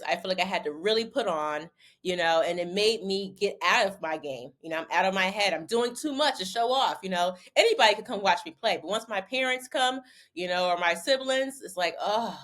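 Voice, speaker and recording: A young adult woman from Connecticut, a guest in a casual interview, telling animated stories and repeating words when she gets excited. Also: mid-range voice. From Bridgeport, Connecticut. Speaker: interview guest, former basketball player turned model.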